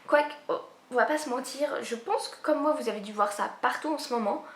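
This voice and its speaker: A woman with a fairly high voice chats casually about new books, rambling along with plenty of fillers and restarts. Her voice rings a little in a reverberant room. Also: brisk. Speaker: book vlogger. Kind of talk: casual chat about upcoming book releases. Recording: echoey room.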